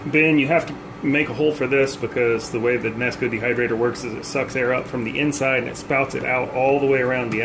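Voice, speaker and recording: There's background noise as a mid-range male voice works through a homemade gadget demo indoors in his home kitchen. The speaker, a bowling hobby vlogger in his thirties, thinks aloud casually and says um and uh a lot, holding his phone at arm's length.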